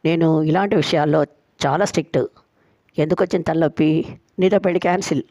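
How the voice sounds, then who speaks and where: A woman's voice: deep voice, fairly even intonation, quick pace, darkish tone, no echo. Woman narrator doing a young bride-to-be, firm, teasing, strict, dry close sound. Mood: scolding. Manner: firm, teasing, laying down conditions. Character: young woman, bride-to-be, bossy and sharp-tongued.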